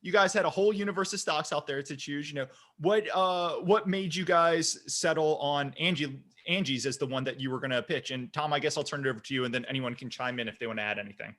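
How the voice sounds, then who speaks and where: A man hosts a podcast in an upbeat, chatty way, his voice somewhat high and bright. He often doubles his words as he sets up questions for his guests. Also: quick pace, hardly any pauses. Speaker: podcast host. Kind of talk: casual interview talk.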